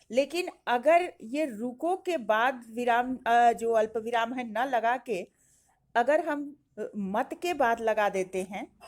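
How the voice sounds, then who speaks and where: A woman teacher giving an online grammar lesson, explaining slowly with pauses and fillers. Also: a little high, a little mellow. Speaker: Hindi teacher.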